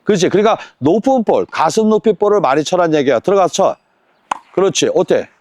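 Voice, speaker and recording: A man coaching a tennis lesson on court, counting drills and firing quick rhetorical questions at his student. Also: high voice, expressive, darkish tone, slight background noise.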